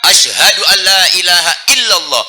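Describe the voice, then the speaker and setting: A remorseful sick man pleads in a high, sing-song whine, as a preacher puts him on. The voice is sharply bright and raised well above ordinary speech. The man acting him out keeps the plea going in a wavering, begging tone. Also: lively intonation, a little fast, full character voice. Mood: pleading.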